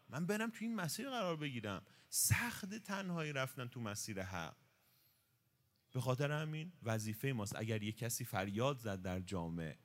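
Brief: male lecturer, mid-pitched voice, casual religious talk, asks and answers his own questions. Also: fairly bright tone. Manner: explanatory, poses rhetorical questions and answers them.

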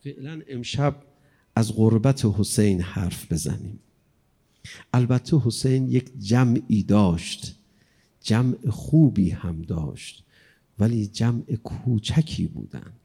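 Gravelly-voiced man preaching a mourning sermon. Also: fairly low pitch, lively intonation. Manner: impassioned, swinging from hushed to loud.

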